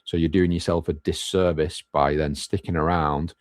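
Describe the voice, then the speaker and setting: A man with a very low voice co-hosts a live business Q&A. He talks casually and bluntly, throws in a swear word now and then, and sounds dry and close to the mic. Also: steady tone, normal speed, dry recording. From United Kingdom. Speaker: podcast co-host.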